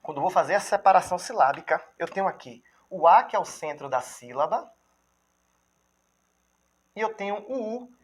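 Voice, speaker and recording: He has a high, slightly rough voice and a Brazilian Portuguese accent, and he's giving a grammar lesson. Lively throughout, he checks in with his viewer again and again. When he gives examples, he spells them out slowly by syllable.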